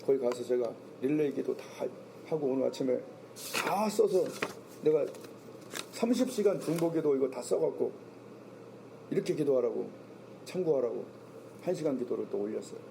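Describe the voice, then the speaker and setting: A man's voice: medium pitch, expressive, moderate pace, creaky, long pauses, background noise. A male senior pastor preaching a Sunday sermon, firing rhetorical questions and reading scripture aloud. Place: church sanctuary.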